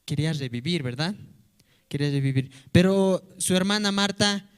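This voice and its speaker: High-voiced man teaching children. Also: moderate pace, smooth. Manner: asks the children many questions, playful. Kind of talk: Sunday-school lesson for children.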